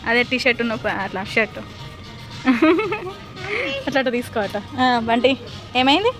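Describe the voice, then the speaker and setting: A woman's voice: sits high, sing-song, moderate pace. A young mother, chatting to camera and coaxing and fussing over her small son. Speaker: mother vlogging a family outing. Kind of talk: casual family vlog. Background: background music.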